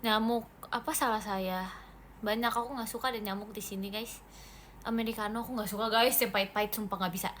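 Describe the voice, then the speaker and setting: A woman's voice: medium pitch, fairly even intonation, a little fast, fairly bright tone, slight background noise. A woman livestreaming to fans in a casual, playful chat, reading comments aloud and mixing in English words.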